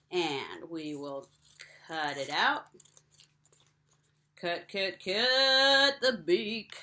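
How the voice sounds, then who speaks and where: A young woman walks children through a craft project in a cheerful, step-by-step way. Her voice is bright and lively, rising and falling a lot. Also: medium pitch. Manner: cheerful, step-by-step instructions to kids. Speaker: teacher.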